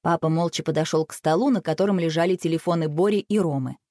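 A woman narrating a children's audiobook in an expressive storytelling manner. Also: sits low, fast talker, dry recording, studio quality.

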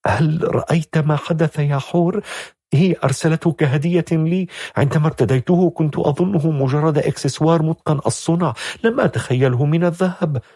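A frightened young woman, put on by a male narrator, her voice lifted high and shaking with tension. She pleads in a husky, breathy tone over a dry, close sound. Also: expressive, fast talker, warm tone, no echo. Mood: panicked. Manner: tense, trembling and pleading.

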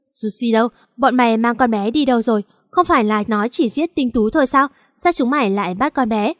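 Ruthless jealous young woman, read by a woman, harsh and defiant, high voice. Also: a little fast, dry recording, clean studio sound, close to an everyday voice. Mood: angry.

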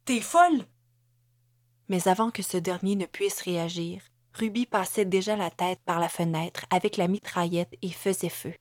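A woman with a Québécois accent reading scripted audiobook narration in a measured, dramatic way. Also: on the low side, steady tone, a little mellow, no echo, studio quality.

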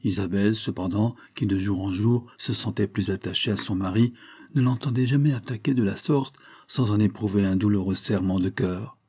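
A man reading a classic novel aloud in a measured, steady narration. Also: on the low side, slightly rough. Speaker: audiobook narrator. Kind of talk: scripted literary narration.

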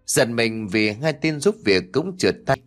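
A man narrating a horror audiobook story in a steady storytelling voice. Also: mid-range voice, moderate pace, over loud music.

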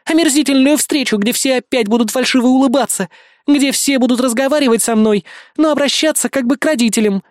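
A man voicing an upset nineteen-year-old girl, heiress of a powerful clan, in an audiobook, with loud, indignant, pleading outbursts. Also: very high voice, a little fast, no room sound, clean studio sound, pitched above the performer's own voice. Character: upset teenage girl heiress, stubborn, defiant. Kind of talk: audiobook character voice.

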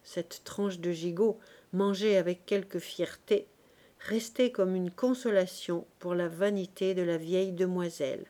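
A woman narrating a classic novel as an audiobook in a measured, expressive reading. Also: on the low side. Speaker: audiobook reader.

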